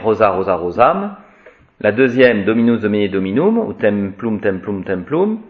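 A man with a mid-range voice teaches Latin grammar aloud, going through the endings in a sing-song, repetitive way and explaining each one. The sound quality is lo-fi.

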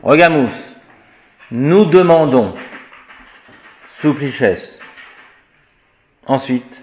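A man's voice: mid-range voice, lively intonation, a little hiss or hum. A man teaching Latin grammar to a class, chanting declensions and explaining word by word. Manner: chants declensions, slow and deliberate. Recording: echoey room, dull lo-fi sound.

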